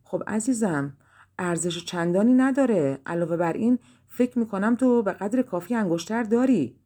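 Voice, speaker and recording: A woman's voice: medium pitch, expressive, mellow, lightly acted. Proud old king, as a woman reads him. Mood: dismissive. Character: proud king, older man.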